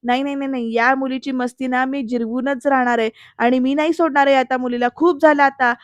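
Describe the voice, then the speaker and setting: A man's voice: very high voice, steady tone, fairly quick, no room sound. A woman voicing a hot-headed young man who bursts out angrily and repeats himself. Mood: furious. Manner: angry outbursts, repeating himself.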